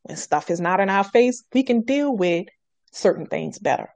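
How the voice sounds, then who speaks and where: A woman's voice: medium pitch, lively intonation, moderate pace, creaky, a little mellow, no room sound. A woman on a podcast talking earnestly, repeating her points for emphasis. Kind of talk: casual podcast conversation.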